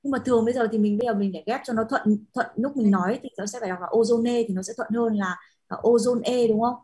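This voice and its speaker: Fast-talking, husky woman teacher. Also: on the high side, darkish tone. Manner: patient, explains with many fillers and checking questions. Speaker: Latin teacher. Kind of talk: classroom lesson.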